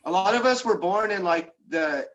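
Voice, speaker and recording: A man's voice: sits high, expressive, normal speed, fairly bright tone, muffled recording, slight background noise. A man in his thirties in a casual podcast chat, laid-back and laughing as he talks. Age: 30s.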